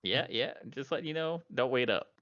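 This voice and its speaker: Bright, forceful male tabletop player, dull recording. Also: mid-range voice, fairly quick. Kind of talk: casual in-character chat. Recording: dull, lo-fi sound.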